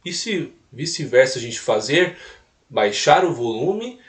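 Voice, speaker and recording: A man's voice: mid-range voice, big pitch swings, measured pace. A man teaching a recorded music lesson, explaining step by step and tagging points with little questions. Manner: explanatory, repeats points with "né?" tags. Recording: roomy echo, mic at a distance.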